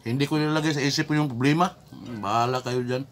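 A man's voice: medium pitch, quick pace, slight background noise. A man, a mukbang vlogger rambling and joking in casual chat while chewing with his mouth full. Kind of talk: casual eating vlog chat.

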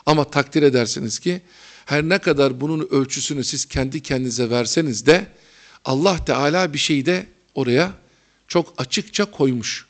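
A man's voice: medium pitch, normal speed. A middle-aged man preaching a religious lecture, chatting with humor to his audience and building to fervent emphasis.

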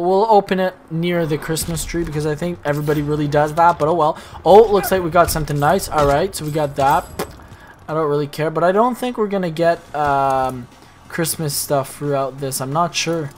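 A young man giving casual, slangy commentary while opening loot in a video game, excitable and rambling. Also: fairly high pitch, slight background noise. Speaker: gaming YouTuber.

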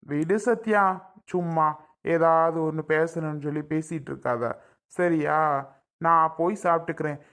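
A man's voice: a little high, a little slow, fairly bright tone. A man playing an irritated young husband in a family skit, curt and sarcastic.

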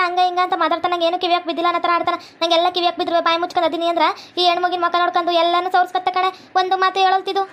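A bossy cartoon mother-in-law, voiced by a woman, lectures in a North Karnataka accent. Her voice sits very high and stays on a flat, even tune. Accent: North Karnataka Kannada. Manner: lecturing, scolding. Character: bossy middle-aged mother-in-law, scolding. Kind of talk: cartoon comedy voice acting.

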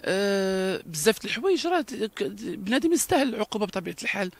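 A man's voice: high voice, sing-song, very fast, no echo. A man with a Moroccan Darija accent, speaking in an interview with emphatic, repetitive talk and frequent restarts.

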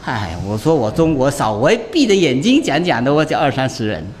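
A man's voice: mid-range voice, very animated, a little fast. A man, a Buddhist monk, giving a conversational dharma lecture, talking in a chatty way and often tossing rhetorical questions to his listeners.

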